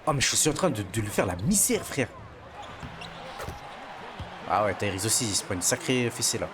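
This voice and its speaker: A man's voice: fairly low pitch, very animated, moderate pace, noisy background. A young man, a gaming streamer, commentating his basketball game in casual, boastful, slangy trash talk aimed at his viewers.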